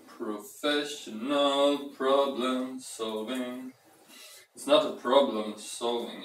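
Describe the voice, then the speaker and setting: Slow, rambling young man in an echoey kitchen. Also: medium pitch, slight background noise. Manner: rambling, playful, thinks aloud with hums. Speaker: home cooking vlogger. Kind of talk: casual cooking chat. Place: home kitchen, indoors. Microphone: camera across the room. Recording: echoey room, voice from far off.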